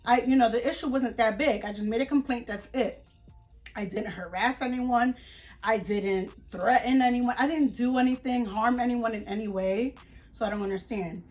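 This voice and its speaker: A woman's voice: fairly high pitch, normal speed, darkish tone, faint music behind. A young adult woman telling a storytime vlog in a chatty, indignant way, full of fillers and retold dialogue. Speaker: vlogger.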